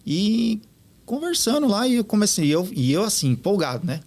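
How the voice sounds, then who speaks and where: A man, a podcast guest telling stories in an animated way and acting out what others said. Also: sits high, brisk. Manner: animated, quotes others in lively retellings. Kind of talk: casual storytelling interview.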